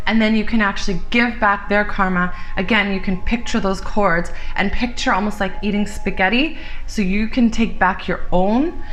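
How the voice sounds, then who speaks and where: A woman's voice: mid-range voice, a bit bright. A woman giving a casual tarot reading to viewers, chatty and blunt, with some swearing. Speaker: tarot reader.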